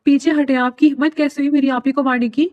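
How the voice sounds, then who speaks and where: Woman doing a fierce, shouting little sister. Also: high voice, flat delivery, no echo, highs cut off, close to an everyday voice.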